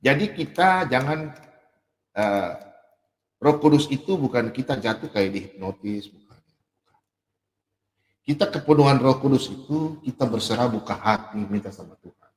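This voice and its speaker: A middle-aged man from Sulawesi preaching a sermon, animated, switching between loud emphatic points and soft asides. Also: mid-range voice, normal speed, long pauses. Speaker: pastor. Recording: echoey hall with long reverb.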